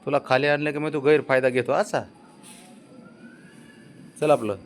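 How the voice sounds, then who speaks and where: A man talking casually to his pet cat, coaxing, pleading and gently scolding it. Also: fairly high pitch, flat delivery, fast talker, a little hiss or hum. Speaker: pet owner.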